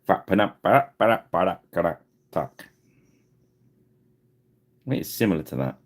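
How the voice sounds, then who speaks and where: Hosting a miniature painting livestream, this man speaks in an unhurried way with a deep, gravelly, darkish voice. As he paints, he keeps up casual chatter and laughs at his own expense.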